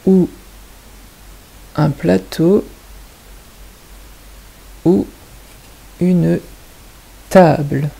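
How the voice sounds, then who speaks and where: French-accented teacher, kindergarten lesson, husky voice, dark tone, patient questions. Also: medium pitch, fairly even intonation, extremely slow, pauses often, poor audio. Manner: patient, asks the children questions and explains step by step. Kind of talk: lesson for young children.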